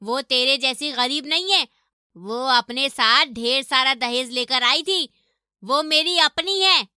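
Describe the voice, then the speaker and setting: A woman voicing a harsh, domineering middle-aged mother-in-law in an animated story, taunting and scolding her daughter-in-law. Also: high-pitched, slow, smooth, no room sound, clean studio sound, heavily acted.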